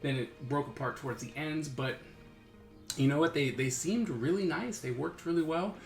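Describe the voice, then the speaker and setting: Slightly high and creaky at a moderate pace, a man hosting an art supply review series casually tests a product. He thinks out loud and repeats himself as he muses, and background music plays.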